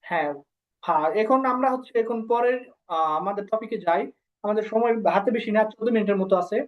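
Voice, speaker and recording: A woman's voice: medium pitch, brisk, dull audio. A woman teaching a language class online, explaining step by step and repeating syllables for her students to copy.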